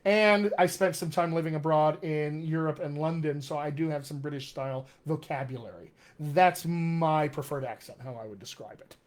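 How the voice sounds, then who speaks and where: He talks at a moderate pace with hardly any pauses, in a voice that's a little high. A Colorado native working as a dialect coach, he's hosting a casual live Q&A in an upbeat, teaching manner, and his General American accent has hints of West Texas and upstate New York.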